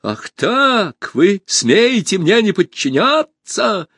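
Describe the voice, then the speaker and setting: A man voicing a cowardly, vicious male usurper in an audiobook, shouting in a shrill, strained voice. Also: sing-song, takes it slowly, breathy edge, no echo, studio quality, full character voice. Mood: frantic rage. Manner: shrill, screaming. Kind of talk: audiobook character voice.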